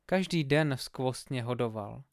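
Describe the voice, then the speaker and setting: A man reading scripture aloud in a measured, solemn, scripted delivery. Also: mid-range voice, expressive, no echo, clean studio sound. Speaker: Bible reader.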